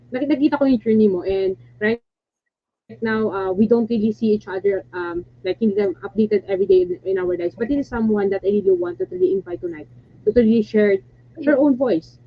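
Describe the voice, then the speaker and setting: A woman's voice: on the high side, creaky. A woman with a Filipino accent hosting a casual online interview, hesitant with many fillers and restarts. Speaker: host, coach. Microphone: video call. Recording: dull lo-fi call audio with faint hum.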